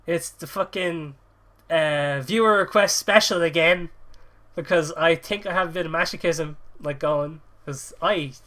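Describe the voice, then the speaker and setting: This podcast host, in his early twenties and sniffly with a cold, keeps the chat casual, rambling while laughing and swearing freely. He speaks at a measured pace with a fairly high, bright, forceful voice.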